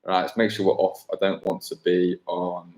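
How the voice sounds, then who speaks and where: Running a football quiz over livestream, this male host repeats every question slowly and clearly while making casual conversation with his viewers. He speaks low and flat, with a darkish tone, and the audio has the roomy echo of a home stream.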